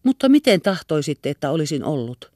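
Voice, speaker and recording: A woman's voice: sits low, very animated, dark tone, dry recording, clean studio sound. Anxious pleading young woman, voiced by a woman reader. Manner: earnest and imploring.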